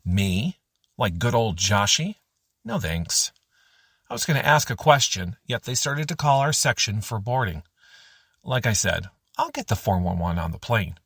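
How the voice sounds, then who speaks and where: Husky, animated male audiobook narrator. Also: mid-range voice, dry recording, studio quality. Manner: expressive, animated reading. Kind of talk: first-person audiobook narration.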